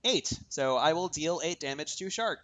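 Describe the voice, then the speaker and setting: A man's voice: on the high side, animated, normal speed, a bit bright. A man narrating as game master in a casual tabletop session, chatty and full of fillers. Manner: chatty, many fillers, laughing at himself.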